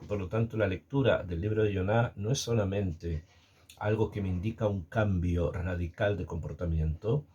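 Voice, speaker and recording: A man giving a spoken Torah lesson, pausing often with fillers and restarting his sentences. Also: low-pitched, dark tone, husky, lo-fi sound. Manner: hesitant, many fillers and restarts. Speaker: Torah teacher.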